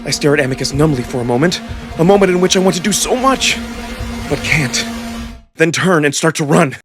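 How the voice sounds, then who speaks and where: Music runs beneath a male narrator and voice performer as he tells a visual novel in the first person, theatrical and absorbed. He speaks on the high side, slightly fast, with lively intonation.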